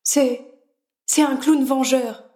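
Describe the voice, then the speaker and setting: A woman's voice: high voice, fairly even intonation, takes it slowly, warm tone, voice pushed up. Woman narrator voicing a despairing wife, helpless murmur, slightly raised voice, audiobook horror. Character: weakened, despairing wife of the captive.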